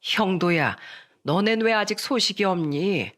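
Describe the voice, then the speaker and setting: A storyteller voicing an angry middle-aged mother-in-law who scolds her daughter-in-law in a raised, shrill voice. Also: animated, unhurried. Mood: lecturing. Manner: shrill and scolding, rising louder.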